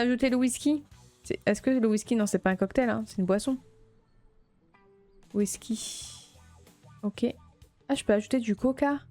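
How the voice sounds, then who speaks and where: High-voiced playful woman streamer. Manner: chatty, playful, teasing the game customers; flustered outbursts and shouting at chaos. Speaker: video game streamer. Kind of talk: let's play commentary.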